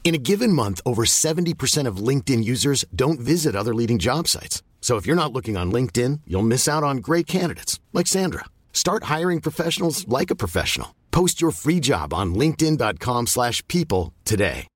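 A man's voice: mid-range voice, sing-song, fairly quick, hardly any pauses, breathy edge, no echo, studio quality. A man reading a scripted radio-style ad with persuasive delivery. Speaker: ad announcer. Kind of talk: scripted ad voice-over.

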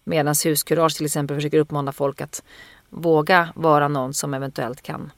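A woman's voice: deep voice, flat delivery, no echo. A woman, an actress, telling a story in casual podcast chat, vividly acting out the quotes.

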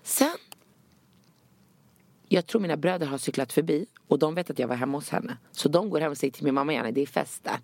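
A young woman from Sweden, a podcast co-host, telling a story in a lively, casual way, sprinkling in English and Arabic slang words. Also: low-pitched, dry recording.

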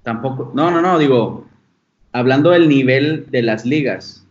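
A man's voice: medium pitch, measured pace. A man with a Mexican accent asking questions in a casual, chatty interview. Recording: dull lo-fi audio.

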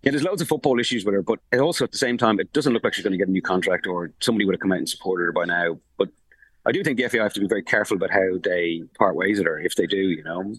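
A man reporting on football for a podcast, his words tumbling out at high speed with frequent restarts and fillers. His voice sits low, and the recording is dry and close. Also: husky, dry recording, low-quality recording. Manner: rapid, animated, full of restarts and fillers. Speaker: sports journalist reporting from the tournament. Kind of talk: casual podcast analysis. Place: remote link from abroad.

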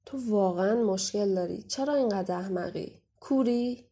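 A woman playing a mocking, menacing young waitress who talks down to people and gives sharp warnings, in an audio drama. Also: mid-range voice, husky. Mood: scornful. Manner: scornful, taunting, bossy. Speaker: guest voice actor.

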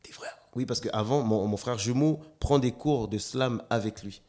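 A man, a dancer and slam artist, chatting as a guest in an interview, telling animated stories and acting out quotes, with frequent restarts. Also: mid-range voice, moderate pace. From New Caledonia. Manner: animated storyteller, acts out quotes, stammers on restarts. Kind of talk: casual interview chat.

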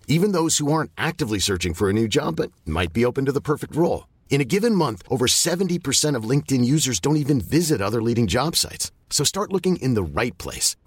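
A male announcer with a husky voice and a lively, swinging delivery. He reads a punchy ad script, and the recording is dry and close. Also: medium pitch, no echo. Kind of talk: scripted advertisement read.

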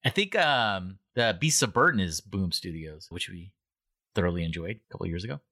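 A man co-hosting a casual podcast about books, rambling along and often correcting himself mid-sentence. His voice is lowish, with a bright, forward tone. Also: normal speed. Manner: rambling, self-correcting, animated. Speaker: podcast co-host. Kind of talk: casual book club chat.

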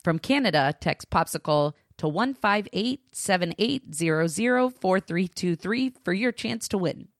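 A woman's voice: on the low side, animated, normal speed, few pauses, no room sound, studio quality. A woman co-hosting a podcast for parents, talking candidly and self-deprecatingly in a casual style. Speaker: podcast co-host and mother. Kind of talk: casual podcast chat with scripted announcements.

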